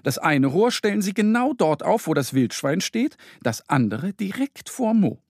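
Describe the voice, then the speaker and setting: A man reading a children's story aloud in an expressive, lively scripted narration. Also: high-pitched, moderate pace, dry recording, studio quality.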